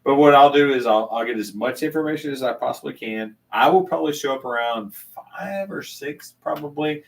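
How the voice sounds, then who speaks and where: An older man chatting loosely from his home bar, stumbling through restarts and filler words. His voice sits at an ordinary middle pitch and comes across from a little way off the microphone. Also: fairly quick, vocal fry, distant mic, poor audio. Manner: rambling with many restarts and fillers. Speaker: channel host. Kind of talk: casual live chat.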